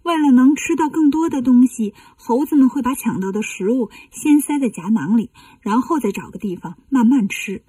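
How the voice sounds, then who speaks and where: A woman narrating a classic tale for children, gentle and explaining. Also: a little high, animated, normal speed, hardly any pauses, husky, no room sound, recorded from a distance. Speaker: children's storyteller.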